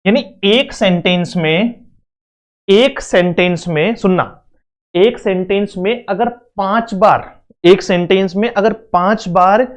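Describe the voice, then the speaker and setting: A man's voice: sits high, takes it slowly. A man teaching an exam-prep literature lesson, mixing Hindi and English and repeating his points through rhetorical questions.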